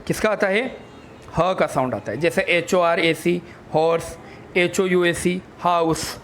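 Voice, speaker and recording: High-voiced man teaching letter sounds. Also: fairly bright tone, slight background noise. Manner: spells words letter by letter, asks and answers his own questions; addresses listeners as children. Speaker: English teacher. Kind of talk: classroom phonics lesson.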